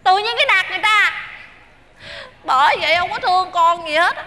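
A young woman playing an excitable, pleading girlfriend in a stage comedy sketch. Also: extremely high pitch, fairly quick, a little hiss or hum, full character voice. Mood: coaxing. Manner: pleading, chatty, laughing often.

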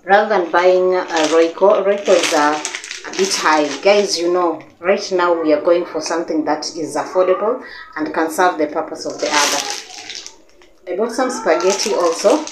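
A woman's voice: fairly low pitch, moderate pace, reverberant, noisy background. A young Kenyan woman with a Kenyan English accent, chatting casually to camera about her grocery haul, full of fillers and restarts. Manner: chatty, gestures a lot, many fillers and restarts. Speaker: vlogger. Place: living room with a sofa, indoors.

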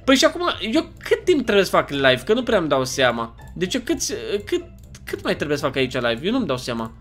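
A man's voice: on the high side, faint music behind. A young man with a Romanian accent, chatty and jokey, giving casual commentary while playing a video game. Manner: chatty, animated, jokey, often puzzled and exclaiming. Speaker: gaming YouTuber.

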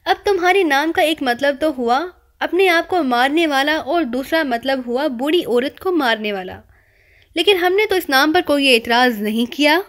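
A woman's voice: sits high, lively intonation, a bit bright. A woman voicing a cheeky young male spy who teases people with mock-polite, rambling wordplay, in an audiobook reading. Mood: playful teasing.

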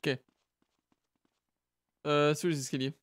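Slow-paced young French man commenting casually. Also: a little high, flat delivery, very noisy. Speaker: game streamer. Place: indoor streaming room. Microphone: close studio microphone on arm.

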